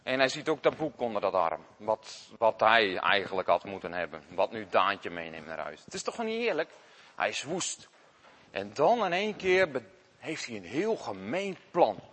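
A man narrating a Christmas story in an expressive, conversational way. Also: on the high side, breathy edge. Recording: long hall reverb.

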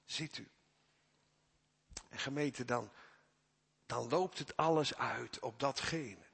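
A man preaching a sermon, swinging from quiet, intimate passages to loud, fervent emphasis. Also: medium pitch, husky. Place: church. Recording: long church reverb.

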